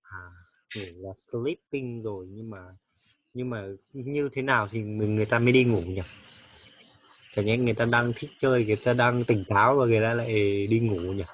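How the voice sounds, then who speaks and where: A man teaching English to a child, patient and coaxing, slowly repeating words to model how they sound. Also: mid-range voice, steady tone, no room sound. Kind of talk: one-on-one English lesson for a child. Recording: dull, dry lo-fi recording.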